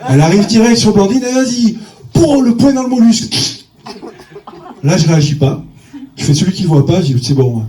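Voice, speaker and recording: A man's voice: high-pitched, sing-song, normal speed, long pauses, dark tone, reverberant, far from the mic. A stand-up comedian man telling a crude story on stage, with a bawdy, punchy delivery and sudden jumps in his voice.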